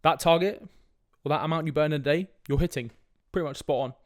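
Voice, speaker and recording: A young fitness coach with a sniffly cold hosts a casual solo podcast, his voice on the high side and his pace quick. He's direct and laid-back, often tossing in "right?", and the recording is dry and studio quality.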